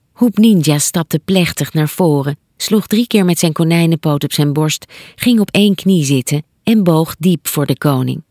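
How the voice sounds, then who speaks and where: A woman narrating a children's storybook in a calm, steady reading voice. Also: low-pitched, no echo, studio quality.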